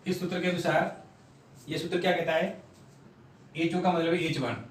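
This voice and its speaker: A man's voice: on the high side, fairly even intonation, distant mic, slight background noise. A man teaching a grammar lesson at a board, explaining step by step and sounding out syllables one at a time. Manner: slow, step-by-step explaining, repeating syllables aloud. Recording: echoey room, voice off-mic.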